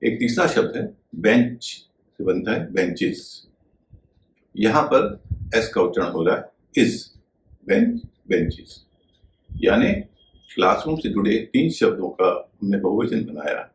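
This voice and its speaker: A male teacher giving a video lesson on pronunciation, speaking in a measured way and spelling words out letter by letter. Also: lowish voice, lively intonation, reverberant, slight background noise, low-quality recording.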